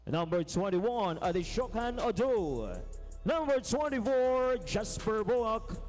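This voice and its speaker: A man calling player introductions in an indoor arena, stretching out the names in a booming way over the public address system. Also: lively intonation, a little mellow, faint music behind. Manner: drawn-out, booming name calls. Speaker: arena announcer.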